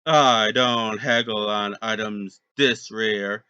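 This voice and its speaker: A stubborn pirate captain, as a man reading a story puts him on, loud and firm. He speaks slowly with a bright edge. The recording is dull and lo-fi. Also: lowish voice, fairly even intonation, clean tone, dry recording. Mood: stern.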